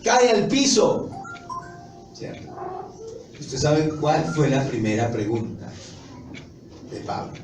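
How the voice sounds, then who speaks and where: A man's voice: on the high side, sing-song, slow pace, long pauses. Echoey emphatic preacher, man. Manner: emphatic, rising to loud exclamations; asks the congregation questions. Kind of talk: sermon. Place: church. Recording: echoey hall from a distance, noisy.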